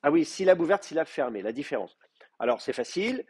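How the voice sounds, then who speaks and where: A man's voice: on the high side, sing-song, quick pace, background noise. A man lecturing a Hebrew class, explaining patiently with many fillers and restarts. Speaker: Hebrew teacher. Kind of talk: university lecture.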